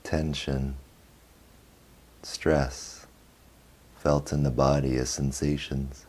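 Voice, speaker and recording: Here a man who teaches meditation guides listeners through a session. His voice is very low and mellow, his pace slow and his intonation flat, with brief phrases broken up by lengthy pauses.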